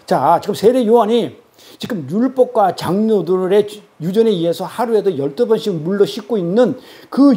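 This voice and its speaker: A man's voice: high-pitched, mellow. A male pastor preaching a sermon in a conversational, emphatic way, firing off rhetorical questions. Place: church.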